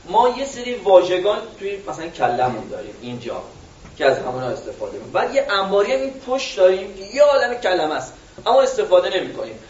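Iranian male speaking coach, high voice, animated, quizzes the room, heard from afar in a roomy hall. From Iran. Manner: animated, swings between loud and soft, quizzes the audience. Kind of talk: live workshop talk. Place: workshop room with an audience. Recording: echoey room, distant and dull.

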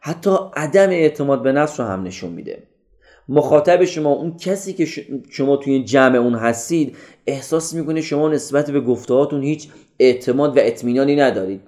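Guy teaching a public speaking class, warm mellow voice, lively instructive tone. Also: mid-range voice. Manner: demonstrates loud, soft and paused delivery. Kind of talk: online course lesson.

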